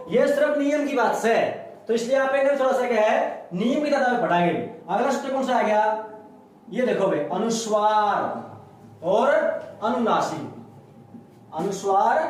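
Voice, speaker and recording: A man, teaching a classroom lesson, repeating sounds and asking and answering his own questions. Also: extremely high pitch. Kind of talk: classroom lecture. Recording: very echoey room.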